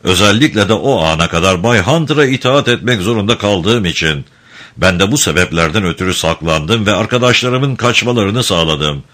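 A man voicing a calm French sailor who testifies in court, speaking in a composed, unruffled way. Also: lowish voice.

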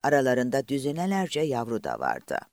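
An audiobook narrator reads a novel in a measured, expressive storytelling style. His voice is medium-pitched, and the scripted narration is recorded in clean studio sound with no room sound.

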